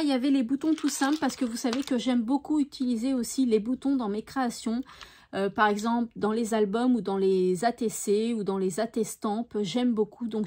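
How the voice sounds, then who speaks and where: Casting note: high-pitched woman, chatty craft vlogger, relaxed haul talk full of little hesitations. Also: slight background noise. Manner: chatty, with frequent hesitations and "voilà". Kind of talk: casual haul show-and-tell.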